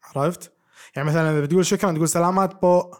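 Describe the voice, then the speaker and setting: A man's voice: fairly high pitch, fairly even intonation, racing. A man chatting as a podcast co-host, playful and quizzing his friend. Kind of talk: casual chat.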